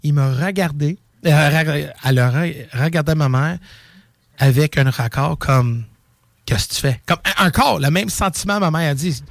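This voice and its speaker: A man with a Québécois French accent hosting a call-in show, telling a story in an animated, excitable way. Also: on the high side, moderate pace, vocal fry, dry recording, studio quality. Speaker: radio show host. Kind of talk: casual storytelling and call-in chat.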